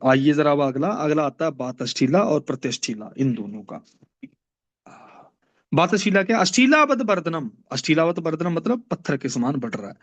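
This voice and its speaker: Man, teacher, high animated voice, recites verses, asks and answers questions, dull lo-fi recording. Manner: recites Sanskrit verses then explains in mixed Hindi and English; asks the class questions and answers them himself. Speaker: Ayurveda teacher. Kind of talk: classroom lecture.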